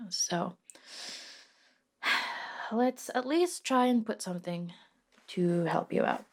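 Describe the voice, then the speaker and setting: In a soft-spoken ASMR roleplay, a woman with a lowish voice plays a reluctant, sardonic modern witch. She talks casually and hesitantly, with dry wit and some mild swearing, and her mood is pensive and hesitant.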